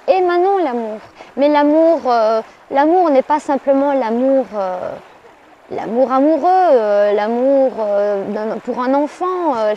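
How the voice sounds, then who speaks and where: A woman, a life coach and author, giving thoughtful interview answers, hesitating often with pauses and fillers. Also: sits high, dark tone, a little hiss or hum.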